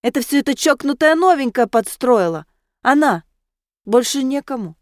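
A loud, tipsy schoolgirl who argues hotly and won't back down, as a woman reader puts her on. The voice is pushed up and forceful in a dry, close storybook reading. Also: sits high, animated, moderate pace, dry recording, voice pushed up. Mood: indignant. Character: tipsy, hot-headed teenage girl dressed as ghost.

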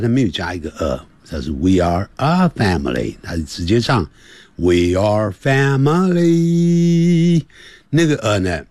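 A man teaching English on the radio, explaining grammar and drilling pronunciation with slow, repeated words in a playful, lively manner. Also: deep voice, slightly rough, dry recording.

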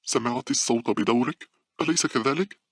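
A man's voice: fast, breathy edge, dry recording, clean studio sound. A man voicing frightened young Paula. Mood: trembling. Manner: anxious, breathless, high-pitched pleading.

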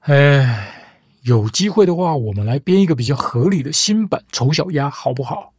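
This woman has a bass voice, a little mellow and slightly rough, and speaks animatedly at normal speed in a dry, studio-quality recording. She hosts a comic storytelling show, delivering scripted, argumentative lecture points that end in rhetorical questions over background music.

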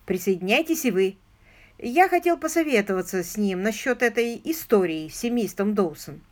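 A woman doing an eager aristocratic gentleman sleuth. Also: mid-range voice, lively intonation, normal speed, lightly acted. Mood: cheerful, inviting. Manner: eager, insistent questioning. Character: lively aristocratic English gentleman sleuth, man. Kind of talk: audiobook character reading.

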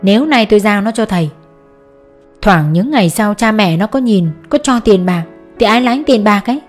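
A woman's voice: mid-range voice, animated, moderate pace, faint music behind, lightly acted. A woman reading the lines of a blunt man bargaining in an audiobook story.

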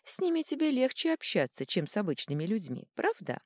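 Smug, mischievous male chaos godling voiced by a woman, very lively, dry close sound. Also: medium pitch, a little fast, no room sound, pitched above the performer's own voice. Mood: teasing. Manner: teasing, smug, purring.

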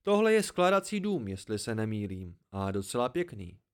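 A man voicing a wise, dryly scornful old hermit in an amateur audiobook reading, slow and emphatic. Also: on the low side, very animated, clear, resonant tone. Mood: lecturing.

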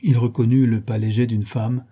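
A man narrating a classic novel in a steady, even reading voice. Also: mid-range voice, normal speed, breathy edge. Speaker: audiobook narrator.

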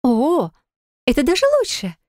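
A woman voicing a capricious, greedy young wife in an audiobook, high and squealing. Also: sing-song, unhurried, a little mellow, dry recording, clean studio sound. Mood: gushing. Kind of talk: audiobook character voice.

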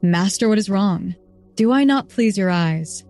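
A woman's voice: mid-range voice, animated, unhurried, warm tone, faint music behind. A woman voicing a meek, obedient young serving woman in a castle. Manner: meek, deferential.

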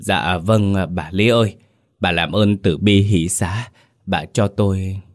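A man's voice: low voice, fairly even intonation, slow. A man voicing a starving, trembling old peasant woman who pleads in a faint voice. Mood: pleading.

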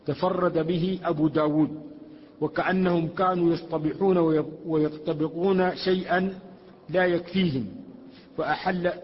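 A man reading a classical text aloud for a lesson, carefully reciting and restarting on hard words. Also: on the high side. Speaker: student reader. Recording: echoey hall, muffled lo-fi recording.

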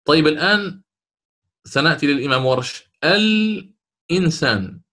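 In this lesson a male sheikh, a teacher of Quranic recitation, works through a recitation poem, slowly chanting each verse and testing his audience with brief questions. He has a mid-range, expressive voice with a sharp tone.

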